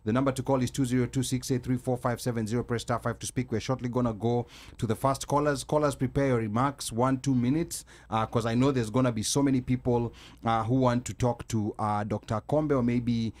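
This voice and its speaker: A man with a Kenyan accent hosting a live call-in talk show in a halting delivery full of fillers. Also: medium pitch, steady tone, darkish tone.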